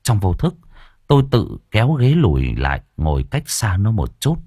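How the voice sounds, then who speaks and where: A man narrating a first-person audiobook story in an animated, expressive way. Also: lowish voice, normal speed, husky, dry recording, clean studio sound.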